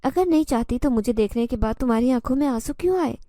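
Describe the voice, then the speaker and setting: A woman's voice: on the high side, lively intonation, mellow, no room sound, studio quality, close to an everyday voice. A woman voicing an obsessive, possessive male jinn who speaks intensely and insistently in a horror story.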